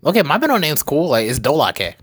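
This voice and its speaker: A man's voice: a little high, wildly swooping pitch, brisk, a bit bright, husky. Young guy hosting a podcast, loose jokey rambling, swears a lot. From African family. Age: young adult. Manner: loose, joking, rambling with profanity. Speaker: podcast host. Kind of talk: casual chat.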